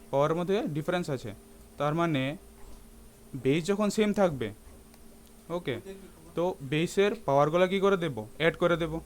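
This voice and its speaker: Guy teaching math, keeps asking yes or no, light hiss behind. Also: fairly high pitch. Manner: asks students rhetorical questions, mixes English terms. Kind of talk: classroom lecture.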